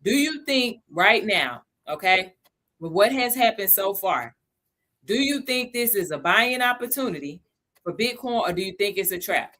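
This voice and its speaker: A woman's voice: medium pitch, animated, bright, forceful tone. A woman hosting a casual livestream lesson on crypto, chatting with viewers and greeting them by name. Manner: slows down to stress key points. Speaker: livestream host teaching crypto basics.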